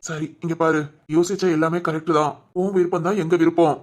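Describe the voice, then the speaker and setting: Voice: medium pitch, little pitch movement, a little fast, a little mellow, natural voice. A performer voicing a caring young man in a cartoon, a protective older brother who reassures and advises his sister. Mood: reassuring. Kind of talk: cartoon voice acting.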